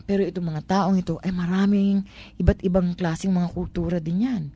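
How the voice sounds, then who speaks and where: A woman's voice: lowish voice, fairly even intonation, fairly quick, mellow, husky, dull audio. A woman with a Manila Tagalog accent explains conversationally on a talk program, posing rhetorical questions and switching between Tagalog and English. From Manila, Philippines.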